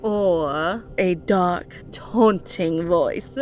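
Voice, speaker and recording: A woman's voice: fairly low pitch, extremely slow, a little mellow, faint music behind, voice pushed down. A woman voicing a cackling, taunting female witch in a theatrical voice-over demo.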